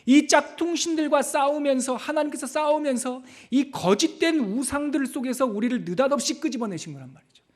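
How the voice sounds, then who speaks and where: Man, pastor, sermon, high voice, loud peaks and hushed asides. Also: a little fast. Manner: dramatic swings from loud preaching to hushed asides; leads congregation in reading scripture.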